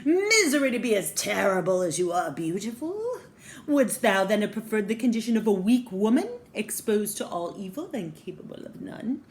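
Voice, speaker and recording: A woman voicing a proud, scornful older scientist father who booms rhetorical questions at his daughter. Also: very animated, moderate pace.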